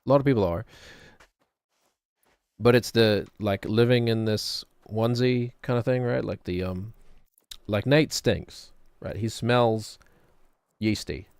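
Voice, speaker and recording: Middle aged guy streaming a game, lowish voice, dry close sound, wry and rambly. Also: fairly even intonation, unhurried, a little mellow, smooth, no room sound. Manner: musing, wry, talks to himself. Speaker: gaming streamer. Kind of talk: casual rambling game commentary.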